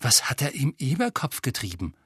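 A man's voice: mid-range voice, huge pitch swings, normal speed, fairly bright tone, slightly rough, dry recording, clean studio sound, heavily acted. A man voicing an earnest, easily angered teenage boy wizard in a German audiobook. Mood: indignant.

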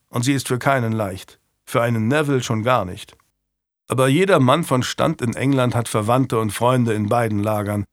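A man's voice: mid-range voice, no room sound, studio quality, close to an everyday voice. A man voicing a weary, frank adult knight in an audiobook, speaking wryly and candidly. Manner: wry, candid.

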